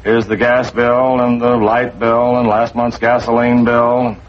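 A middle-aged man with an American accent playing a patient, gently wry suburban father in a 1950s family sitcom. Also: mid-range voice, little pitch movement, measured pace, lightly acted. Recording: dull, noisy old TV soundtrack.

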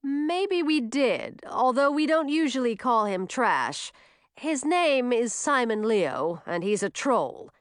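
A woman's voice: sits high, sing-song, a little slow, few pauses, a bit bright, no echo, studio quality, voice pushed up, full character voice. A woman voicing a young male wizard friend who shifts from glum to playful, for an audiobook. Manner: bouncy, swings from glum to playful.

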